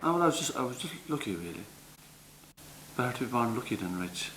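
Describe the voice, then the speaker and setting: A man's voice: mid-range voice, very animated, fast, fairly bright tone, poor audio. A man, a builder chatting casually. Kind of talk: casual chat. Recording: clear background noise.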